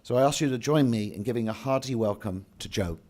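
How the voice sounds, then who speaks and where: Heavy background noise surrounds a man with a mid-range voice who speaks quickly from a banquet podium. As emcee and event speaker in a large hall, he reads a script steadily, adding occasional offhand comments and a few restarts.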